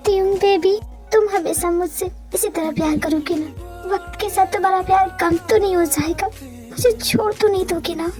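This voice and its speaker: A woman's voice: very high-pitched, steady tone, moderate pace, dark tone, soft background music. A woman voicing a grieving young wife in a fan audio drama, tearful and pleading.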